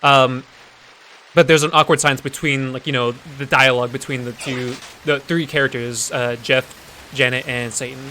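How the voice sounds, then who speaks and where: A man's voice: medium pitch, steady tone, normal speed, sharp tone, slight background noise. A man improvising a goofy story while streaming a game, rambling with lots of restarts and fillers.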